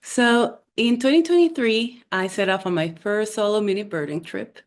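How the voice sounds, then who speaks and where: Over a video call, a woman from Honduras tells a personal story in an unhurried way, using small fillers. Her voice is mid-range.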